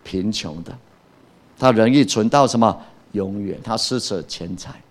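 A man's voice: on the low side, unhurried. A man preaching a sermon as pastor, emphatic, often asking the congregation a question and answering it himself.

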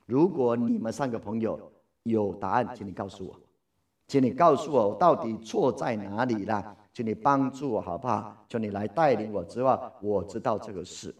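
A man teaching a Bible study in a lively way, asking his listeners questions and then answering them himself. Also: fairly low pitch, normal speed, recorded from a distance.

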